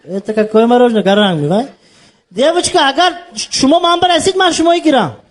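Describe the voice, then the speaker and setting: A man speaks very high and a little fast, full of animation, as he portrays a naive, upbeat Tajik migrant living in Moscow. It's a comedy phone call, and the bumbling character blends broken Russian with Tajik, all in a Tajik accent.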